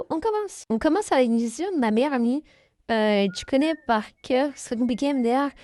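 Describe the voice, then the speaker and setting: A young woman, a YouTuber, answers fan questions in a casual, hesitant chat full of fillers and giggles. Her voice is on the high side with a darkish tone, and the recording is dry, clean studio sound.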